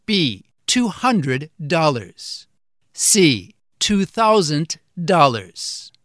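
A quiz reader delivering scripted questions and answer choices in deliberate, clearly separated phrases. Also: medium pitch, big pitch swings.

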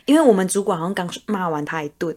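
Young taiwanese woman chatting on a podcast, rapid, acts out little quotes. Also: fairly low pitch. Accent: Taiwanese Mandarin. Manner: animated storyteller, acts out quotes. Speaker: podcast co-host. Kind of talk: casual chat.

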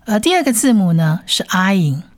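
At normal speed and in a very animated mid-range voice, a woman teaches a slow, step-by-step Bible Hebrew reading lesson. She spells out letters patiently and repeats each sound several times, and the studio-quality recording is dry.

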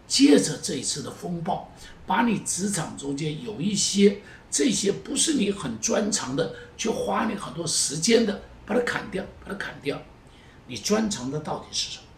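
A male pastor delivers a sermon with emphatic repetition, pressing his point and then dropping to a hushed plea. His voice sits fairly high for a man. It is recorded from some distance in an echoey space with a faint rumble underneath. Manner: emphatic, repeats phrases, swings between loud urging and hushed pleas. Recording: roomy echo, voice from a distance, faint noise.

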